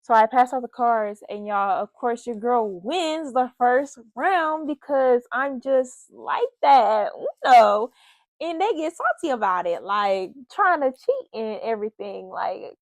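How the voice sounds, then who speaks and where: A woman's voice: fairly high pitch, very animated, a little slow, no room sound. A young woman vlogger telling a casual storytime, chatty and talking straight to her viewers. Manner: chatty, addresses viewers as y'all.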